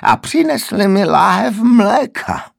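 A man's voice: on the low side, huge pitch swings, vocal fry, no room sound, studio quality, exaggerated voice. A man voicing a grumpy, wheezing old man with a cracked, aged voice who complains peevishly. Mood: sarcastic.

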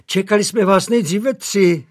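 A man's voice: sits high, darkish tone, voice pushed up, natural voice. A man doing an eager chattering housemaid. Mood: fussing. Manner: fussing, talkative.

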